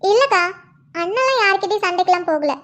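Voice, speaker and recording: A woman's voice: very high-pitched, lively intonation, quick pace, fairly bright tone. A woman voicing a cheerful young college girl in a cartoon, chirpy in manner.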